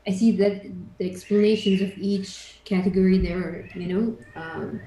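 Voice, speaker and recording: A woman's voice: mid-range voice, steady tone, moderate pace, dark tone. Hesitant woman in an echoey room. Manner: hesitant, searching for words. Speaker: student asking a question. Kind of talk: asking a question in an online class. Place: home. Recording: echoey room with faint background noise.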